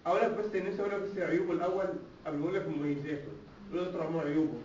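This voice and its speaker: Egyptian guy lecturing med students super fast, high-ish voice, lots of quick questions and jokes, sounds far off in a big echoey hall. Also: a little hiss or hum. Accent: Egyptian Arabic. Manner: animated, rhetorical questions, joking asides. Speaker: medical lecturer. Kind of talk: recorded classroom lecture. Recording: distant, echoey, dull lecture-hall recording with faint ambience.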